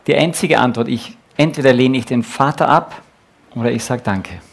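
A man with a creaky, medium-pitched voice preaches a sermon to fathers at a normal speed. He speaks earnestly and emphatically, quotes God and Jesus in direct speech, and ends with a prayer.

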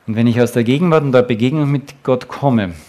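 A man's voice: medium pitch, a little fast, warm tone. A man preaching a sermon to fathers, speaking earnestly and emphatically, and closing with a prayer. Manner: earnest, emphatic, quoting God and Jesus in direct speech.

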